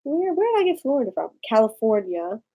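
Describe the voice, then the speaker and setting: Over phone-quality audio, a woman from Maryland, USA, with a Maryland accent talks briskly and ramblingly with viewers during a live stream as a vlogger. Her fairly high voice swings widely in pitch.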